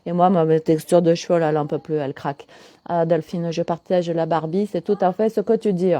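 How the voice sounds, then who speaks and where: Middle-aged woman, holistic coach, chatty live-stream host who keeps answering comments; mellow tone, dry close sound. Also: lowish voice, fairly even intonation, brisk, no echo. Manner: chatty, answers viewers' comments as she talks. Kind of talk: casual live stream chat.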